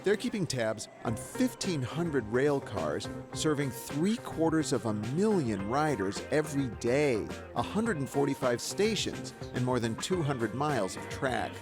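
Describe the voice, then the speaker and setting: A man hosts and narrates a documentary with music playing beneath his words, his mid-range voice unhurried and barely pausing. His delivery is wry, conversational and lively, and now and then he puts interview questions to someone.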